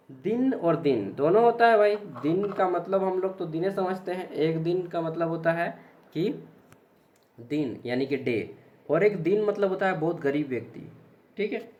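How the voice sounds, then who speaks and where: A man's voice: fairly high pitch, darkish tone. A young man teaching an exam-prep lesson, chatty, asking questions and answering them himself. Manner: chatty, repeats and checks with students; explains with examples, asks and answers own questions.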